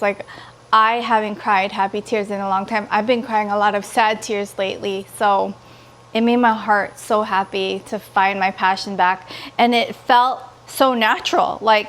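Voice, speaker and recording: A woman from California in her thirties chatting casually to her vlog viewers in an expressive, gushing way. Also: medium pitch, a little hiss or hum. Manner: expressive, pleading and gushing, quotes others in dialogue. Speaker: vlogger.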